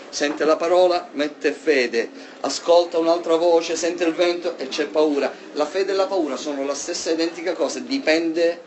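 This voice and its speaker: A man preaching a sermon in an animated way, swinging between loud emphasis and soft asides. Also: a little high, a little hiss or hum.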